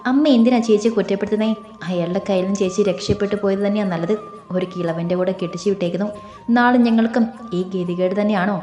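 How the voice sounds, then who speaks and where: A woman's voice: mid-range voice, fairly even intonation, quick pace, dark tone, lightly acted. A woman voicing a defiant young daughter who talks back indignantly, recorded in a roomy space with faint music. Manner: indignant, confrontational.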